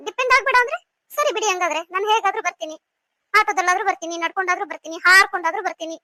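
A woman's voice: extremely high pitch, very fast, pushed and bright, dry recording, studio quality. A woman voicing a sulky, emotional young wife in a cartoon, with a pleading manner. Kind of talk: cartoon voice acting.

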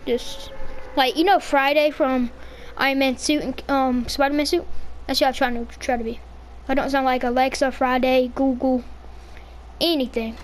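A woman's voice: high-pitched, level tone, moderate pace, slight background noise. A female gamer with a Southern US accent giving rambling, silly commentary while she plays, repeating words over and over. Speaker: gaming channel host. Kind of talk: casual gameplay commentary.

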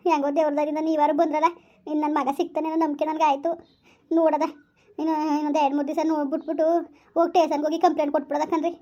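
A woman's voice: sits high, level tone, rapid-fire, dark tone, lightly acted. A woman playing an anxious village wife who keeps asking after her lost son, in a pleading, repetitive way. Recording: dull lo-fi recording.

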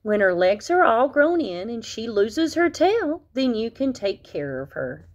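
Calm mother frog in a picture book, gentle and unhurried, read by a woman. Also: on the high side, muffled recording, slight background noise. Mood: patient.

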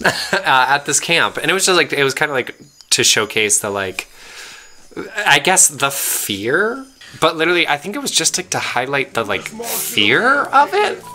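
Co-hosting a game playthrough, a young Pennsylvanian rambles through a filler-heavy story in casual chat. His voice is on the high side, sharp and sing-song, at a normal pace, with slight background noise.

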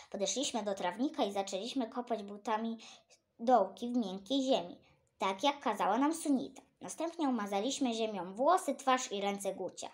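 A woman reading a children's book aloud, animated, her voice leaping up for exclamations. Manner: animated, jumps high for exclamations. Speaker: storyteller.

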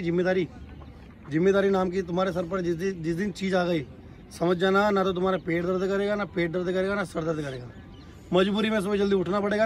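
A man's voice: high-pitched, slight background noise. A man coaching trainees at an outdoor training track, lecturing and scolding them and constantly asking whether they have understood. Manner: scolding, repeatedly asks "got it?".

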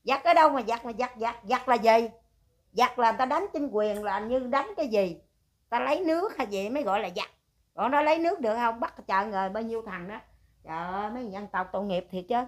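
An older woman, ranting at length in a rough, scolding way and firing rhetorical questions. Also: a little high, fast talker. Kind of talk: heated casual rant.

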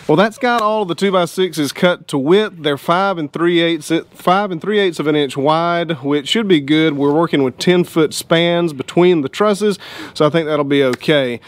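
A man, explaining his work in a relaxed, plainspoken way. He talks in an open-sided shed outdoors, recorded on a close action camera. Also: on the high side. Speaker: homesteading vlogger. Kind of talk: casual how-to narration.

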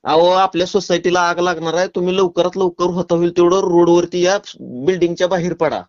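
A man is on a prank phone call, speaking in a fairly high voice. He talks in an insistent, pressing way. The call audio is dull and lo-fi. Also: fairly even intonation, brisk, a little mellow. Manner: insistent, urgent, then apologetic and teasing. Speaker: prank caller.

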